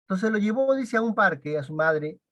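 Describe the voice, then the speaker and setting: A woman, teaching at a church discipleship class and retelling a story full of quoted dialogue, with halting restarts. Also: medium pitch, expressive, fairly bright tone, no room sound. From Peru. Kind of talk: sermon storytelling.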